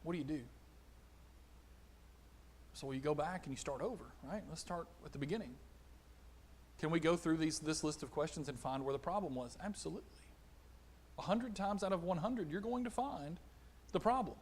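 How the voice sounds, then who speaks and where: A middle-aged man preaching a conversational sermon, animated, acting out little exchanges. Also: a little high, moderate pace, long pauses. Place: church auditorium.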